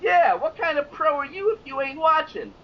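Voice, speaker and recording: A man's voice: very high-pitched, sing-song, moderate pace, highs cut off, voice pushed up. A man putting on a brash New York bettor. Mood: exasperated. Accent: put-on New York. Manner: loud, cursing, exasperated.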